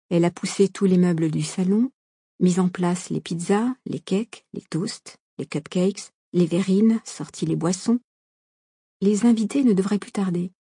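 A woman narrates a novel in a calm, measured audiobook read. Her voice sits low and mellow with a slightly husky grain. The close studio recording is completely dry. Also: dry recording. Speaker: audiobook reader. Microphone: close studio microphone.

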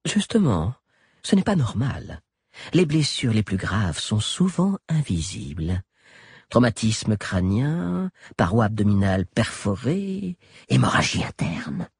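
A man's voice: fairly low pitch, big pitch swings, takes it slowly, creaky, darkish tone, husky, no echo, clean studio sound, full character voice. A man doing a honeyed creepy doctor. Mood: clinical. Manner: sugary, reassuring, condescending. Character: smiling honeyed male doctor, creepily soothing.

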